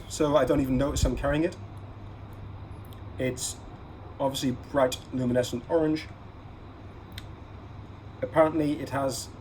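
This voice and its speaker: This everyday-carry gear vlog host speaks at a medium pitch with a slightly mellow tone, walking viewers through products instructively and leaning on key words. Audio quality is poor, and background ambient noise comes through clearly.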